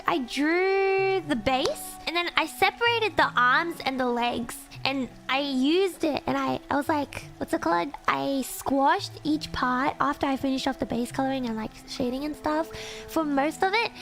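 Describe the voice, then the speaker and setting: Young female streamer, cute and girlish, high voice, relaxed livestream chat over music. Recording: music playing behind the voice.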